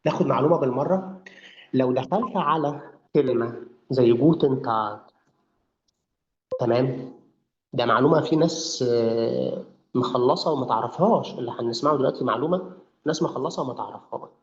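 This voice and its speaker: A man's voice: mid-range voice, a little fast, a little hiss or hum. A man with an Egyptian Arabic accent teaching a live online language lesson, drilling pronunciation and repeating words for his learners. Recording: roomy, muffled sound.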